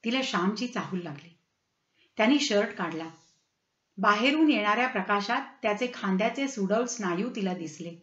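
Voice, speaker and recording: A woman storyteller reading a story aloud in an expressive, measured way, in a slightly dull, roomy recording. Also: mid-range voice.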